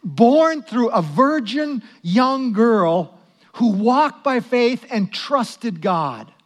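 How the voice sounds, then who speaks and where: A male pastor delivers a sermon in a high-pitched voice. He speaks slowly and deliberately. His delivery swings from loud emphasis to quiet, prayerful asides. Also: big pitch swings.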